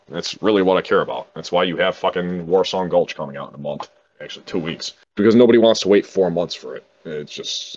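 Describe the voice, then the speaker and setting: A man speaking to camera as a game server developer, in a frustrated, profane, rapid rant. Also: low-pitched, muffled recording. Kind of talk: casual monologue to camera.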